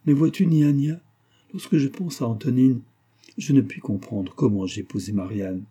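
A man's voice: medium pitch, moderate pace, mellow, breathy edge, natural voice. A man playing a grieving middle-aged father, bitter and despairing, speaking in an impassioned, anguished way.

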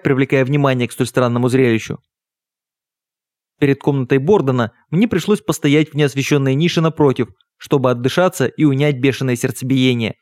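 A man narrating a first-person literary audiobook in a measured, even storytelling manner on a close studio mic. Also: mid-range voice, dry recording.

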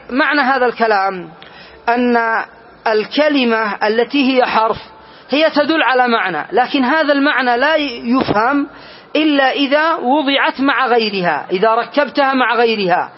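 Male grammar teacher, very high voice, patient classroom delivery that repeats key points, muffled lo-fi lecture recording. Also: moderate pace. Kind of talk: classroom lesson. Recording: dull lo-fi recording.

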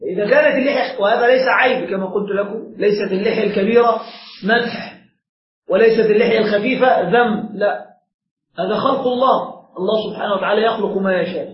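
In a lesson room, a sheikh explains a religious text step by step and quizzes the students seated before him. His voice sits high and moves quickly, captured with echo and a dull, lo-fi sound.

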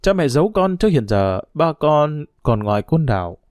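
A man's voice: on the high side, very animated, normal speed, a little mellow, dry recording, clean studio sound. A man voicing an earnest, grieving young woman who pleads with her parents in a read-aloud novel.

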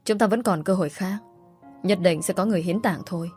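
A woman voicing an anxious husband who urges his wife to stay calm. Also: lowish voice, brisk, soft background music, natural voice. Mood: urgent. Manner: urgent, coaxing.

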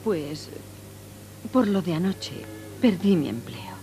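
A woman's voice: medium pitch, very animated, a little fast, faint music behind, lightly acted. An actress playing an earnest, eager young working woman in a dubbed film comedy. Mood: tender.

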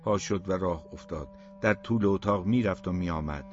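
A man narrating an audiobook in a measured, dramatic reading. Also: sits low. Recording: dull, dry studio recording, faint music.

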